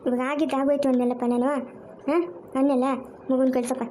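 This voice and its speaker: A woman's voice: sits high, level tone, fast, mellow, slight background noise, lightly acted. A woman voicing an older village woman in a family cartoon, coaxing and soothing others.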